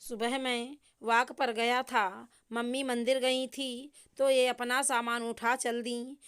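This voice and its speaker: A woman's voice: a little high, flat delivery, a bit bright, clear, resonant tone. A woman voicing a polite, worried young husband speaking respectfully to his mother-in-law. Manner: respectful, rushed explaining.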